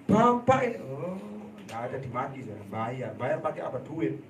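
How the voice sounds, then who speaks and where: A man preaching a sermon in a church hall, telling a story with laughter and sudden loud outbursts. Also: mid-range voice, moderate pace, background noise. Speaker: evangelist preacher. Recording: echoey hall, voice from a distance.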